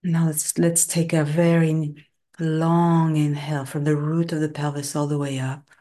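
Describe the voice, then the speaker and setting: Her deep voice barely moves in pitch as this meditation guide leads a body relaxation and breathing session. Slow, soothing short phrases are broken by long pauses, and sometimes she whispers softly.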